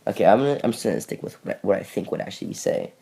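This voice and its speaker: A man's voice: on the low side, expressive, rapid-fire, vocal fry, dark tone, slightly rough. A young man co-hosting a casual podcast, talking in an earnest, thoughtful way and filling gaps with "you know". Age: young adult. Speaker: podcast co-host. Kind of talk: casual chat.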